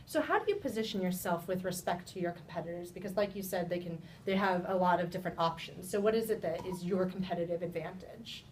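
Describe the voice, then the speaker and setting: A woman practices a sales pitch, putting questions to a client in a rehearsed business manner. She sounds set back from the microphone, with some low rumbling noise behind her. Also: fast, few pauses, darkish tone. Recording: distant mic, rumbly background noise.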